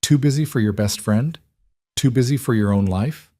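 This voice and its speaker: A worried young woman friend pleads and presses her point, as a man reading the story puts her on. The voice is lifted slightly above his usual low tone, in a dry, close recording. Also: moderate pace, dark tone, no echo, lightly acted. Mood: pressing.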